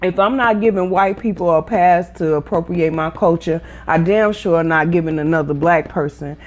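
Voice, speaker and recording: A woman's voice: fairly low pitch, moderate pace. A woman co-hosting a podcast in casual chat, sassy and emphatic, repeating words for punch. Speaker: podcast co-host.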